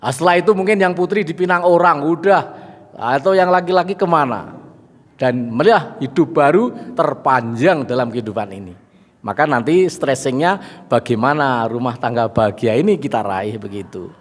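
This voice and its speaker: A middle-aged man with a Javanese accent preaching a lively sermon to a gathering, chatting with and joking with the audience. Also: medium pitch, normal speed. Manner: lively, mixes in Javanese phrases and jokes with the audience. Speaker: Islamic preacher. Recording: long hall reverb.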